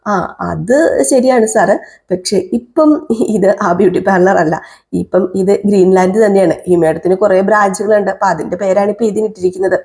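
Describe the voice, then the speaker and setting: A woman's voice: medium pitch, moderate pace, warm tone, natural voice. A woman telling a serial's story voices a polite beauty parlour employee explaining things to a customer. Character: beauty parlour staff member, helpful.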